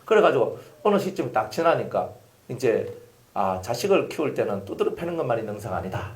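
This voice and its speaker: This male pastor's mid-range voice moves briskly as he preaches, telling stories and acting out scenes. His storytelling is animated, with different voices for the characters, all in an echoey hall.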